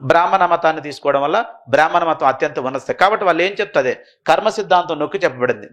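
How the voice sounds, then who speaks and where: Man lecturing, repeating points slowly. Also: on the high side, a bit bright. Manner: repeats key phrases slowly for note-taking, mixes English terms; asks questions and answers them himself. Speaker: history teacher. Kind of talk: classroom lecture.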